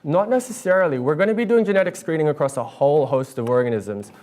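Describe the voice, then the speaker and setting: Earnest young New man pitching. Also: animated, fast, a little mellow. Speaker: student competitor pitching a project. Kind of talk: competition pitch and Q&A. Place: stage at an awards event.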